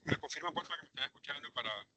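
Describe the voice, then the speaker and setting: A man teaching an online English grammar class, patiently repeating examples and speaking slowly over a video call. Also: a little high, sharp tone, no room sound, rough recording.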